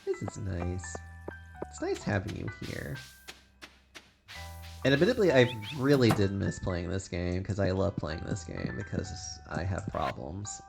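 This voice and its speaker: Very low-voiced, animated woman streamer. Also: measured pace, vocal fry. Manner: playful, sarcastic. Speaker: game streamer. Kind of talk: casual gaming chat. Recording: music behind the voice. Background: music.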